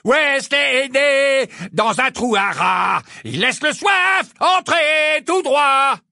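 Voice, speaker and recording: A man shouting as a chanting, jeering crowd. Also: extremely high pitch, lively intonation, vocal fry, no room sound, studio quality, pitched above the performer's own voice, exaggerated voice. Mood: mocking. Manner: slow, drawn-out mocking chant, shouted. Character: jeering crowd of young sports fans. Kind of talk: audiobook character voice.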